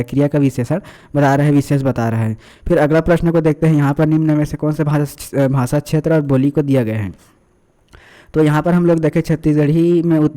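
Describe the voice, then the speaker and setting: A man works through an exam answer key as a tutor. His voice sits a little high for a man, with a mellow, relaxed tone. He keeps calling his viewers friends and often repeats himself and uses fillers as he goes. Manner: addresses viewers as friends, many fillers and repetitions.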